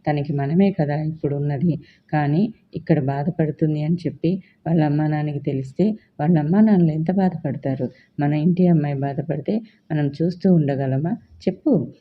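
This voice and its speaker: A storyteller voicing a stern middle-aged mother who scolds her son with sharp questions. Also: mid-range voice, moderate pace, phone-quality sound, lightly acted. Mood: pleading. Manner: demanding, reproachful questions.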